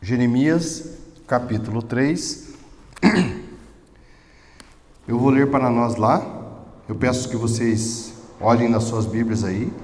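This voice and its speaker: A man with a Brazilian Portuguese accent preaching a sermon as pastor, moving between soft storytelling and loud, emotional preaching. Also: mid-range voice, slow pace, pauses often. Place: church hall. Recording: echoey hall with long reverb.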